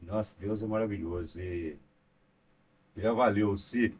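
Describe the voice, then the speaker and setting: Low-voiced Brazilian man, rambling and devout. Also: measured pace, slightly rough. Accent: Brazilian Portuguese. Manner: rambling, devout, frequent fillers. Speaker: podcast co-host. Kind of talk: devout casual conversation. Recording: distant mic with faint noise.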